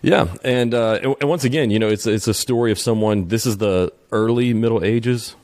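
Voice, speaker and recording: Man, interview host, very deep voice, halting delivery, dry recording. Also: darkish tone, no room sound. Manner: halting, many restarts and fillers. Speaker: podcast host. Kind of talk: interview, casual chat.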